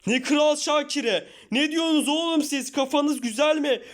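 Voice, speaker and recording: A man's voice: very high-pitched, moderate pace, fairly bright tone. A man voicing an exasperated, short-tempered young newcomer in a Minecraft parody, grumbling and sighing at everyone in his way. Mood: fed up. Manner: grumbling, sighs "tövbe tövbe".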